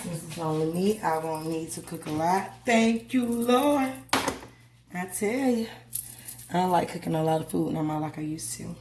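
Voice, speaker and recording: A middle-aged woman with a smoker's rasp, chatting casually to viewers while busy in her kitchen. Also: low-pitched, flat delivery, brisk, few pauses. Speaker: vlogger. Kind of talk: casual chatty cook-with-me vlog. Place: indoor home kitchen. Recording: noisy kitchen with clattering and clicks.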